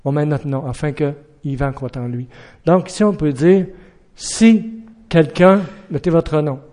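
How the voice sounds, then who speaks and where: Earnest preacher. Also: male voice, a little high, moderate pace. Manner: earnest, rhetorical questions, acts out shouted warnings. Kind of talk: sermon.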